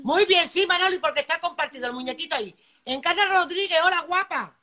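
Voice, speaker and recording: Chatty bright-voiced woman selling live. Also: very high-pitched, quick pace. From Spain. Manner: chatty, keeps asking "vale", greets viewers by name. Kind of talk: live-stream sales pitch.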